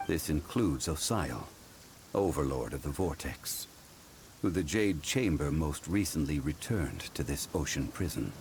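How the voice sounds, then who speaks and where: Zhongli, a deep, solemn ancient god. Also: male voice, animated, darkish tone, a little hiss or hum, full character voice. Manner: measured, formal and unhurried. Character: ancient god in human form, calm, dignified, scholarly man. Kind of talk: game cutscene voice acting. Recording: game music under the voice.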